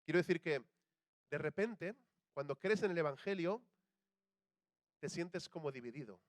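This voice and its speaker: A man's voice: a little high, animated, moderate pace, no echo. A young man with a Spanish accent from Spain, preaching a sermon in a chatty way and putting questions to the congregation. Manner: conversational, asks the audience questions, acts out quoted voices.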